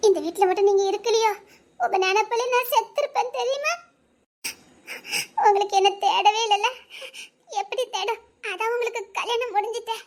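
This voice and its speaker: A woman's voice: very high-pitched, brisk, pauses often. A woman voicing a grieving young widow in a cartoon, talking wistfully through tears and small laughs. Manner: wistful, tearful, half-laughing. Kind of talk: cartoon voice acting.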